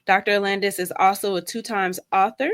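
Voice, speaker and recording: A woman's voice: medium pitch, steady tone, a little fast, fairly bright tone. A woman hosting a podcast, reading a guest introduction and chatting in an upbeat way. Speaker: podcast host. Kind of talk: scripted guest introduction and casual chat.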